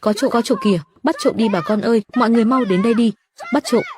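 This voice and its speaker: A sharp-tongued young woman from the village , as a female reader voices her in a dub. The delivery is brisk and even, with a darkish, mellow tone. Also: a little high, a little hiss or hum, natural voice. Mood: defiant. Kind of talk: Vietnamese voice-over dub of a drama.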